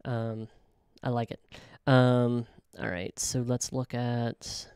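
A man casually talking through a software tutorial, thinking aloud with frequent ums and self-corrections. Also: medium pitch, level tone, slow, smooth, no room sound, clean studio sound. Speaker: web developer tutorial host. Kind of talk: casual screen-recorded software walkthrough.

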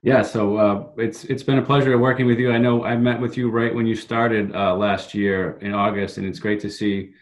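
A man's voice: on the low side, fairly even intonation, moderate pace, few pauses. A man in his thirties hosting a video call interview from a home room, friendly and thankful with small hesitations. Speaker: town manager hosting a talk show. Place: home room with framed pictures. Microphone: laptop webcam video call.

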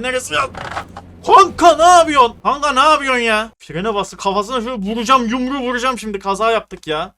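A man's voice: sits high, a little hiss or hum. A young man commentating his truck-driving game, ranting and cursing at other drivers. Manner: excitable, swears and rants at other drivers. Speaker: gaming streamer. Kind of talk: casual gameplay commentary.

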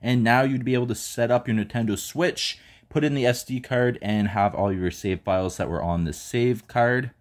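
A man hosting a casual tech tutorial, calmly walking viewers through each step while filming indoors on a handheld phone. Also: mid-range voice, normal speed, hardly any pauses. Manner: relaxed step-by-step instructions. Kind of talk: casual how-to walkthrough. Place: indoors, filming over a bed.

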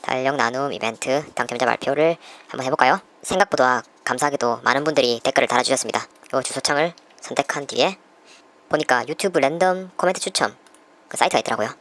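A man's voice: mid-range voice, fast, a bit bright. A man hosting a YouTube channel, presenting a giveaway winner announcement in polite, formal phrasing.

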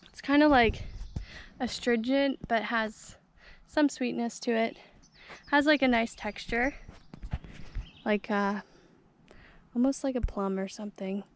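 A woman's voice: a little high, slow, pauses often, a little hiss or hum. A young woman giving a casual walking tour of her homestead garden, talking easygoing and chatty with lots of fillers, filmed on a handheld camera outdoors. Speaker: homestead vlogger. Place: outdoors in a rural garden on a hot day. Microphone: handheld action camera.

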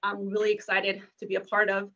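Woman, corporate presenter on a video call; brisk, filler-heavy, muffled lo-fi audio. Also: mid-range voice, completely flat delivery, pushed and bright. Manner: many ums and uhs, brisk. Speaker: corporate community engagement presenter.

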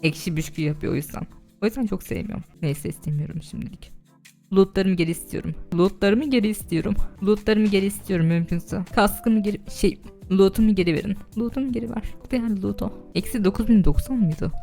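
A woman's voice: mid-range voice, brisk, gravelly, mellow, faint music behind. A young woman chatting casually while streaming a game live as server admin, talking to her chat with bursts of laughter and shrieks.

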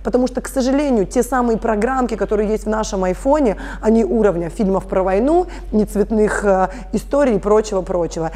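A woman's voice: medium pitch, fairly quick, few pauses, dark tone. A woman in her thirties, a family constellations facilitator, explaining her work earnestly in an interview. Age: 30s. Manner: earnest, explanatory, addresses listeners directly. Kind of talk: conversational interview.

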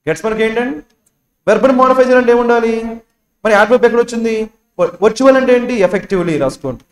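A man's voice: very high voice, racing. A man with a Telugu accent teaching an English exam lesson, quizzing students and repeating each answer. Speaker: English teacher for bank exams. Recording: echoey room.

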